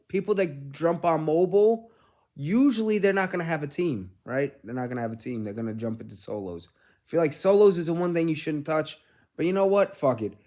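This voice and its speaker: A middle-aged man, rambling casually as a vlog host, telling things in an animated way with casual swearing. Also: on the high side. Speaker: gaming streamer and host.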